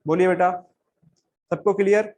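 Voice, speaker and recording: A man's voice: high-pitched, fairly even intonation, moderate pace, darkish tone. A man teaching a lesson in a coaxing manner, asking questions and answering them himself on words. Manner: coaxing, repeats questions and answers, calls listeners beta. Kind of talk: classroom lesson.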